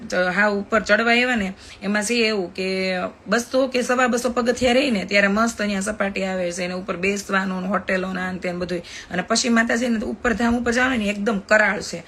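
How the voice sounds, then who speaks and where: A woman's voice: mid-range voice, steady tone, fairly bright tone, a little hiss or hum. A woman in her thirties with a Kathiyawadi Gujarati accent, chatting in a live video and telling a story in an emphatic, talkative way. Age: 30s. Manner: chatty, fast-talking, emphatic. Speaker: social media influencer.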